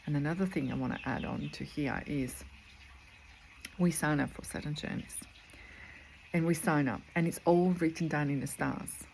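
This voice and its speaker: There's noticeable background noise and poor audio as a Croatian-accented woman in her forties speaks in a deep, gravelly, darkish voice at a moderate pace. A spiritual coach and medical intuitive from Croatia, she gives an earnest motivational talk, repeating phrases for emphasis.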